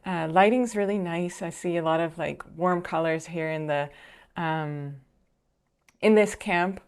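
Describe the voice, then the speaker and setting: A woman whose first language is Dutch, a filmmaker who hosts reaction videos, comments casually on a video while watching it. Her slightly low voice has a clean tone, and she comes across as chatty and thoughtful, pausing on fillers and restarting sentences.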